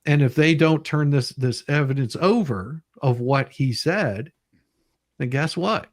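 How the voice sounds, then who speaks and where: This livestream host has a fairly high voice with lively intonation and a measured pace, recorded without echo. He reads legal documents aloud and casually explains them, repeating himself for emphasis and swearing from time to time.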